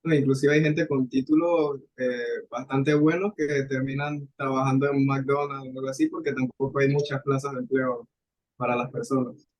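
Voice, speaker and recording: A man's voice: mid-range voice, level tone, normal speed, lo-fi sound. A young man, a student, co-hosting a casual podcast in an agreeable, chatty way. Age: young adult.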